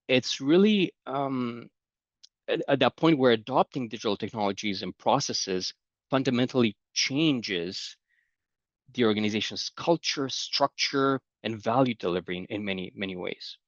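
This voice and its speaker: A conference speaker, a middle-aged man with a Romanian accent and a medium-pitched voice, explains ideas through everyday anecdotes. His delivery is conversational, with light laughs along the way. The sound is muffled, with no echo.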